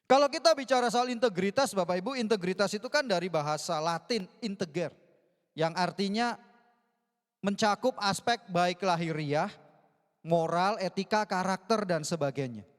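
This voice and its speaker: A young man with a high voice preaches a lively sermon, mixing jokes with questions he puts to the congregation. His voice rings through a church hall with a long echo. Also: normal speed. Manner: joking, asks the congregation questions. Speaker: youth mentor and preacher.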